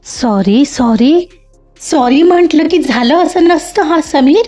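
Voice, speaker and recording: A woman's voice: high-pitched, animated, takes it slowly, warm tone, voice pushed up. A woman voicing a proud young woman who scolds sharply, in a storybook reading. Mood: angry. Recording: dull lo-fi with faint music.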